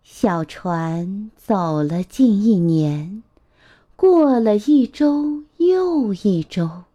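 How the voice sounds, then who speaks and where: Slow, lively woman reading a picture book. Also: mid-range voice, dull audio. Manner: gentle, expressive, drawn-out phrasing. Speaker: children's storyteller.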